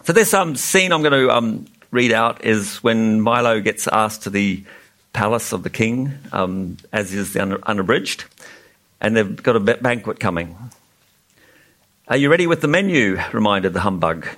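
A man's voice: lowish voice, normal speed, fairly bright tone. A man with a New Zealand accent, a children's author reading a book aloud at a festival panel with jokey asides, laughing at the puns and lifting his voice for the characters' lines.

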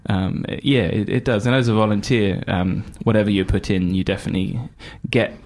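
Speaking in a lowish voice with fairly even intonation, this British man, whose accent is softened by New Zealand speech, is a guest on a radio interview. He coordinates Red Cross volunteers and discusses volunteering enthusiastically but haltingly, with frequent pauses, fillers and restarts.

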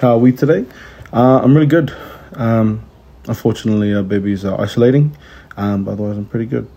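A man's voice: lowish voice, fast talker, gravelly, dark tone. A man in his thirties with a New Zealand accent, chatting casually as an interview guest. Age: 30s. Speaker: kapahaka tutor, interview guest. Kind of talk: casual chat.

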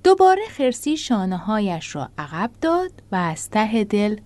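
A woman narrating a children's storybook in a gentle, expressive way. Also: medium pitch, no echo.

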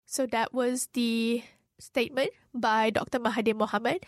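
Radio host lady reading out a statement, kinda high voice, firm and emphatic, dry close sound. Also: steady tone, moderate pace, dry recording. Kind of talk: reading a prepared statement aloud. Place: radio studio.

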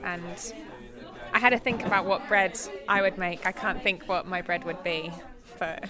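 A woman's voice: on the low side, normal speed, music in the background, a crowd in the background. A woman chatting casually as a workshop participant, friendly and talkative. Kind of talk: casual chat.

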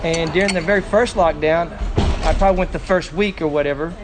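Male country entertainer, Arkansas hillbilly drawl, halting interview talk, a touch high-voiced, clear traffic noise behind. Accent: Arkansas hillbilly, Southern US. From Arkansas, United States. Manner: halting, repeats words mid-sentence. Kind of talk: casual interview chat. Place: bar, on location with street noise. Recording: noisy outdoor bar, traffic behind.

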